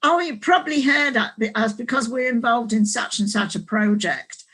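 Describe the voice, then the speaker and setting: A woman's voice: fairly high pitch, moderate pace, fairly bright tone, husky. A woman mimicking a cheerful Australian school staff member in a put-on Australian accent. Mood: chirpy.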